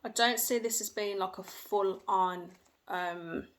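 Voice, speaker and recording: At home, a woman gives a tarot card reading for viewers, hedging, repeating phrases and going by feel, while her young children are faintly audible behind her. Her voice is medium-pitched and fairly bright, with a steady tone and slow pace.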